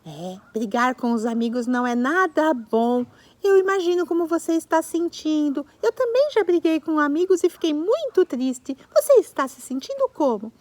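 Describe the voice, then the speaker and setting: A woman's voice: sits high, lively intonation, normal speed, a little mellow, no room sound, pitched above the performer's own voice. A woman voicing a kind little female giraffe who speaks sweetly and coaxingly in a make-believe story for small children. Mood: caring.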